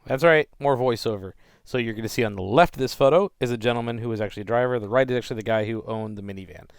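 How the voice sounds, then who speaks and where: A man narrating his own video in a relaxed, plainspoken voiceover. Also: mid-range voice, very fast, smooth, no echo, studio quality. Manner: relaxed, plainspoken, a few fillers. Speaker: channel host narrating.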